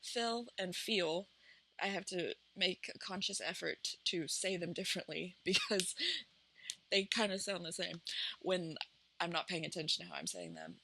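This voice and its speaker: A woman with an Appalachian accent chatting casually and unscripted as a vlog host, in a halting, reflective, self-conscious way. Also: on the low side, vocal fry, bright, forceful tone, slight background noise, rough recording. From Appalachian United States. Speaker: vlog host and small business owner. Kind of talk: casual, unscripted chat to camera.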